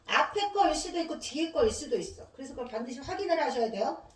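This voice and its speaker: A fast, expressive, high-pitched woman runs a classroom grammar lecture, asking questions and answering them on her own while drilling each letter in turn. The recording has an echoey room sound with the microphone placed at a distance.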